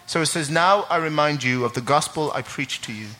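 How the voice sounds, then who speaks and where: A man's voice: fairly high pitch, a little fast, sharp tone, a little hiss or hum. Chatty young man at church. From Ireland. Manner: chatty, laughing, many fillers and restarts. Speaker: church member reading scripture. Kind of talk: personal testimony and scripture reading. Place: church service.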